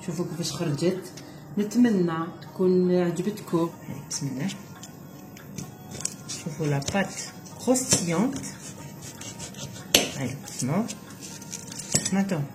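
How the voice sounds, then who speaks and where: Hosting a home cooking show, a woman with an Algerian Arabic accent keeps urging viewers to look while she works, dropping French words into her talk. Her voice is fairly low and expressive at normal speed, with long pauses. Music plays in the background and the audio is poor.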